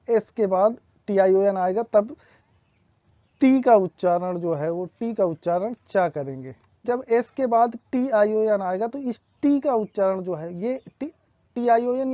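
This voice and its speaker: A woman, a teacher patiently explaining English pronunciation rules and repeating each example slowly. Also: medium pitch, mellow, no room sound, muffled recording.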